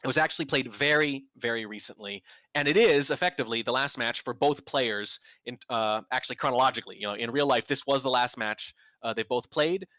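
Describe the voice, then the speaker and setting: Bright-voiced joking male esports caster. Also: medium pitch, fairly quick, dry recording. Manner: sarcastic, joking, chatty analysis. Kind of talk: esports commentary.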